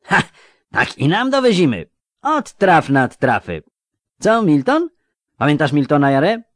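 A brash young rogue, loud and overfriendly, pitched high and bouncing with a lively swing, as a male narrator puts him on. The read is close and dry. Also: a little slow, no echo. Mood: cheerful. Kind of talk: audiobook character voice.

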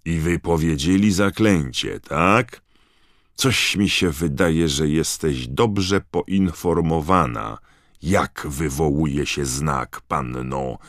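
A man voicing a cold, rough-voiced, furious male official in an audiobook, barking accusations. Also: rumbling low, slow pace, fairly bright tone, no room sound, studio quality, pitched above the performer's own voice, full character voice. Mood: suspicious. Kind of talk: audiobook character voice.

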